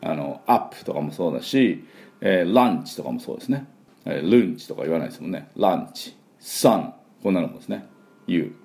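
A man teaching English pronunciation in a spoken lesson, demonstrating sounds and drilling words slowly for the listener to repeat. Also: low-pitched, sing-song, gravelly, darkish tone.

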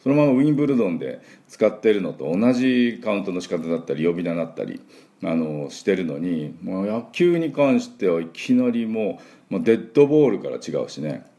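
Deep-voiced chatty male English teacher. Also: very animated, brisk, dark tone. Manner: chatty, digressive, drills phrases for listeners to repeat. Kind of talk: spoken English pronunciation lesson.

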